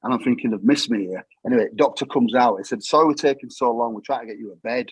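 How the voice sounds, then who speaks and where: A middle-aged man from England with a Yorkshire accent tells his story as a guest, in plain, matter-of-fact talk that often repeats itself. He speaks fast in a mid-range voice with a breathy edge, and the recording is dry and rough.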